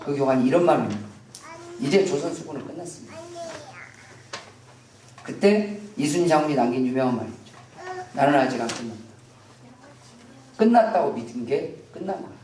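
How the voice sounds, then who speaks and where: Female pastor, impassioned sermon, animated pitch, echoey church from far off. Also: a little hiss or hum. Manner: impassioned preaching, acting out biblical dialogue. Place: church sanctuary.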